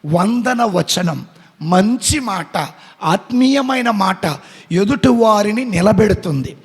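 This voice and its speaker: High husky preacher in a reverberant hall. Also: male voice, animated, slow pace. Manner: asks the congregation questions and answers them; acts out quoted speech in shifting voices. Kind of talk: sermon.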